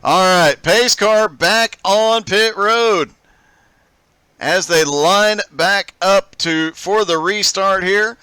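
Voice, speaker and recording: A man calling a racing broadcast, his voice high, bright and clean. He delivers upbeat play-by-play and laughs often. The sound is dry and close. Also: takes it slowly, smooth, no room sound. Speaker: race commentator. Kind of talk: live sim racing commentary.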